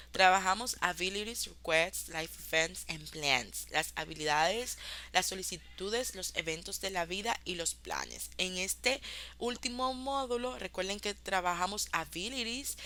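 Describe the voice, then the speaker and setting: Woman teacher, clear bright tone, patient review of course modules. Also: fairly low pitch. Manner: explains in Spanish, slowly models English examples. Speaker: English teacher. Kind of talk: online class review.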